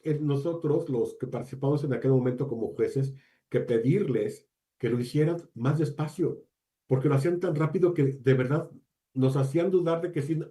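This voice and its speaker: A man presenting an online training talk for teachers, measured and addressing the audience directly with questions. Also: on the high side, warm tone. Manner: measured, uses deliberate pauses, asks the audience questions.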